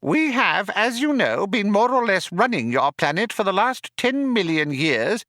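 Benji Mouse, tiny imperious squeaky rodent. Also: male voice, very animated, unhurried, no room sound, clean studio sound, full character voice. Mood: businesslike. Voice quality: small, high-pitched voice. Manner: sharp, firm, formal.

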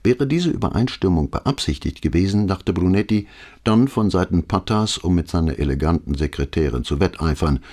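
A man narrating a crime novel in a measured, expressive reading. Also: low-pitched. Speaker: audiobook narrator.

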